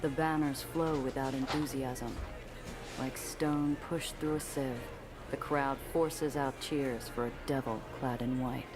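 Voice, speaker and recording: An actor playing a cynical, world-weary noir detective who narrates his own case in a brooding, measured way for a video game. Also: medium pitch, over music, natural voice. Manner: hard-boiled, brooding, flatly measured.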